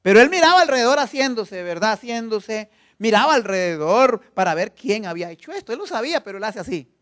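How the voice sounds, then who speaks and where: A male pastor preaching to his congregation in a church, pressing his points with rhetorical questions. His delivery swings between loud emphasis and hushed, sombre talk. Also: high-pitched, sing-song, a little fast. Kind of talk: sermon.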